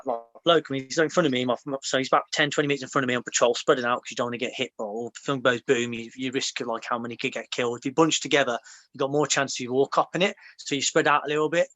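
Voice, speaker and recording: A man's voice: medium pitch, pushed and bright, dry recording, rough recording. An English man in his young adult years, a former soldier, telling stories in casual podcast chat, rambling with lots of fillers and restarts.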